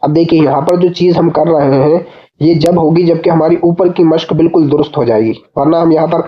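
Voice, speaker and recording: A man teaching reading in a recorded online lesson. He patiently spells syllables out slowly and calls his listeners brother. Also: fairly high pitch, muffled recording.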